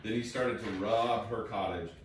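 Male narrator, expressive storytelling, very echoey room, from a distance. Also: on the low side, moderate pace. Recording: distant, echoey, noisy home recording.

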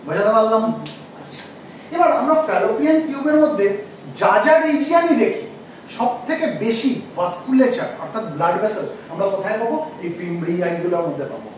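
Male teacher, very high voice, quizzing the class, echoey room with faint noise. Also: lively intonation. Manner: asks the class questions and repeats key terms slowly. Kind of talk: classroom lecture. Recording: echoey room, mic far off.

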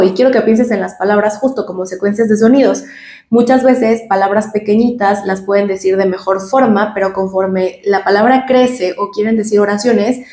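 A speech therapist with a Mexican Spanish accent talks patiently to the camera, explaining and acting out sample syllables. Her voice sits at an ordinary middle pitch for a woman. The room around her gives the sound a noticeable echo. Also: warm tone. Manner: patient, explanatory, demonstrates sounds and word examples.

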